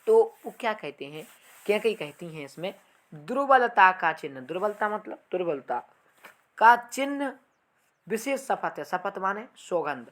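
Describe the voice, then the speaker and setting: A woman giving an exam-prep lesson on a poem. She recites lines slowly and loudly, then explains them in a softer voice, calling her students dear children. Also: low voice. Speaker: teacher.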